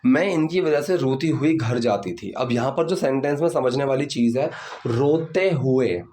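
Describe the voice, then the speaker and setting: A patient man explains sentences in an English grammar lesson, often repeating "theek hai," while his hands are sore from the gym. His voice is medium-pitched and darkish at a moderate pace, with a faint hiss or hum.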